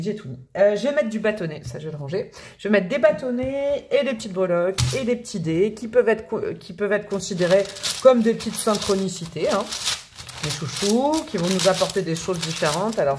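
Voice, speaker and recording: A woman's voice: medium pitch, lively intonation, fairly quick, noisy background. Chatty woman giving a tarot reading. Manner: chatty, thinking aloud with many fillers and restarts. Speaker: tarot reader. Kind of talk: casual spoken tarot reading to viewers.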